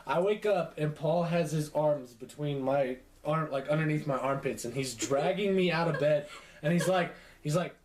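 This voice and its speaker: A young man co-hosting a casual chat, telling a story in an animated way and laughing often. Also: fairly high pitch, normal speed, roomy sound. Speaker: co-host.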